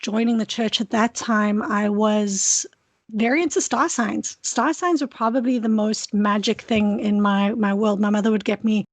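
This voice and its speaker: This interview guest, a woman doing a PhD in South Africa, speaks in a South African accent with a mid-range, steady voice at a moderate pace. Thoughtful and open, she often restarts her sentences. No room sound is audible.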